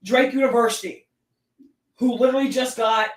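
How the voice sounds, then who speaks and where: A woman with a Southern accent hosting her own sports talk stream, ranting with emphatic, animated delivery. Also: on the high side, moderate pace, echoey room, recorded from a distance, rough recording. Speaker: sports show host.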